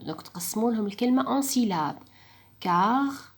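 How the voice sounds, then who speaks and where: A woman talks through a primary school lesson, switching languages as she goes. She stretches out each example word slowly and clearly, as if a class were listening. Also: a little high, animated. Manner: slow, clearly sounded-out words when modeling the exercise; mixes French and Arabic dialect mid-sentence.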